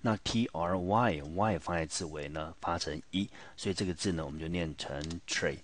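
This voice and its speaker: A man with a very low, deep voice and a Taiwanese Mandarin accent teaches English words in a classroom-style lesson. He explains patiently and keeps asking his students rhetorical questions. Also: moderate pace. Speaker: high school English teacher.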